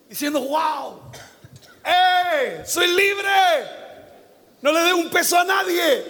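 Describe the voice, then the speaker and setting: High-voiced preacher in an echoing hall. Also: male voice. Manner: animated, acts out Bible characters with sudden loud exclamations; reads scripture verse by verse and repeats key phrases for emphasis. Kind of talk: sermon. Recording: long reverb of a large hall.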